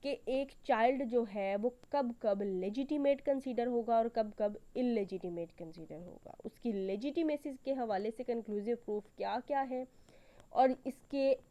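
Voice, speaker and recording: A woman with a Pakistani accent gives a didactic law lecture, explaining in Hindi-Urdu mixed with English, repeating key points and checking in as she goes. Her voice is fairly high-pitched with a dark tone, and she speaks a little slowly.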